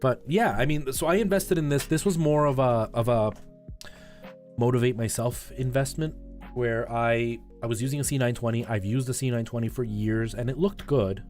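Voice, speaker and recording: With a darkish tone, medium pitch and moderate pace, a man chats casually with viewers on his stream. He explains things conversationally and often checks in with them, and there's music in the background.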